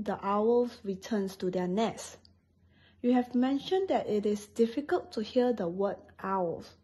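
A woman's voice: a little high, mellow, slightly rough, low-quality recording. A woman from Singapore with a Singaporean accent, patiently explaining English phrases and pronunciation step by step as a teacher.

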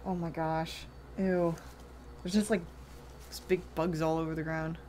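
A woman's voice: sits low, flat delivery, unhurried, a little mellow, slight background noise. A woman hosting a horror reaction video who comments casually, ranting and exclaiming in fright.

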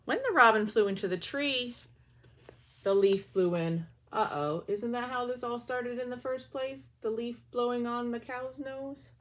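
Reading to children from a small bedroom via webcam, this woman in her forties, a teacher, brings picture books to life with an animated, stretched-out delivery. Her somewhat high voice drops into gentle asides between passages.

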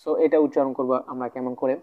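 A man giving a casual video lesson, repeating words slowly and often checking in with his listeners. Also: medium pitch, flat delivery. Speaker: language teacher. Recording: dull lo-fi sound.

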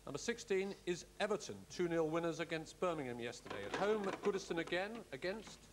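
High-pitched man, formal announcer, noisy recording. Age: middle-aged. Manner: measured, courteous, official. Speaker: host of a televised cup draw. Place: studio-style hall set with audience.

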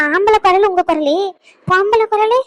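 A woman's voice: very high-pitched, normal speed, no room sound. A woman voicing an anxious middle-aged mother in a cartoon, talking in a fretful, confiding way. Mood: worried. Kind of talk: cartoon voice acting.

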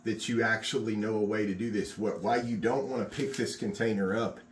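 Filmed on a phone in a bare garage workshop, a middle-aged contractor chats encouragingly while demonstrating epoxy work. He speaks a little fast in a steady, lowish voice. The space is reverberant, with a faint hiss or hum.

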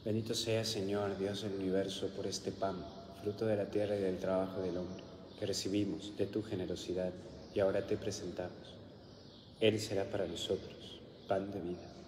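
A priest from Argentina, deep-voiced with a level and slightly mellow tone, recites the liturgy solemnly as he says Mass and preaches in a small indoor chapel with an altar. His prayers are slow and measured, spoken in Argentine Spanish, and the sound echoes through the hall over a background hiss.

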